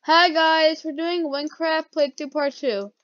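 A woman's voice: sits high, steady tone, unhurried, a bit bright. A woman giving casual gameplay commentary, her speech slightly altered by wearing dental retainers. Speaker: gamer hosting a playthrough. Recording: dull lo-fi mic, keyboard clicks.

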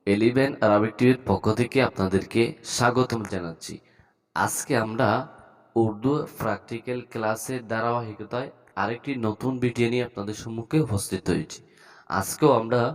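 A man teaching a reading lesson, slowly reading out words and explaining how to pronounce them. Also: fairly low pitch. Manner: slow, drawn-out reading drills, louder when reading words aloud. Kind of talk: slow language lesson.

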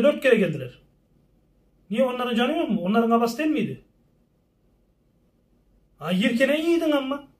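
A man's voice: extremely high pitch, darkish tone, distant mic. A man ranting angrily to his followers, firing off rhetorical questions and repeating himself. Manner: heated, repetitive, rhetorical questions. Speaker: social media personality. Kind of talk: angry personal rant to followers.

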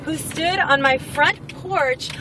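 A woman's voice: high voice, takes it slowly. A woman in her forties from Oregon talks earnestly and heartfelt in a personal vlog from a parked car, repeating phrases for emphasis. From Oregon, United States. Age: 40s. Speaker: weight-loss vlogger. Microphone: camera on the dashboard. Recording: slightly distant car mic with outside noise.

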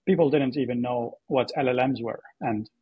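This podcast guest, an AI startup co-founder from Syria, has a mid-range voice that is very husky and breathy. Speaking in an interview, he tells his story in a halting, conversational way and often repeats words. The recording sounds close, dry, and muffled.

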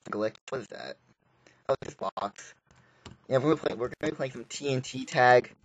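A man's voice: medium pitch, moderate pace, slight background noise, low-quality recording. A man giving casual gameplay commentary as a video host, rambling and joking, with frequent exclamations. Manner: rambling, jokey, exclaims often. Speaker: gaming YouTuber.

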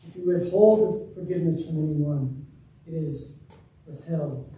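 Speaking a little slowly in a slightly high voice with a dark tone, a man in his thirties delivers an earnest, emphatic sermon from the pulpit of a church sanctuary. A far-off room mic makes the recording distant and echoey.

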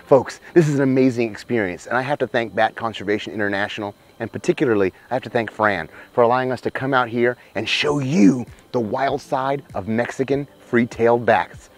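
A man, hosting a wildlife show outdoors by a cave, presenting with excited, emphatic showmanship on a lapel mic. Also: mid-range voice, a little fast, few pauses. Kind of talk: enthusiastic outdoor nature presenting. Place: outdoors by a cave in open country.

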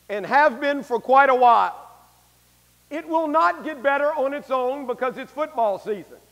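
Emphatic high-voiced priest preaching. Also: male voice. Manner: emphatic, swinging between loud declarations and hushed asides. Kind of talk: sermon. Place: large church sanctuary, indoors. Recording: long church reverb.

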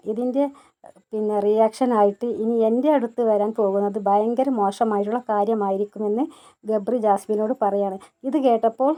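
A woman's voice: a little high, mellow. A woman vlogger casually recapping reality show scenes, quoting the cast's lines in her own plain voice. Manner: retells scenes plainly, quoting lines without acting them. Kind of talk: casual spoken recap narration.

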